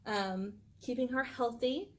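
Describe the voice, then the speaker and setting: A woman's voice: fairly high pitch, slow. Gushing woman chatting about her dog. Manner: gushing, chatty, full of "like" fillers. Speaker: channel co-host. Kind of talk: casual chat about pets.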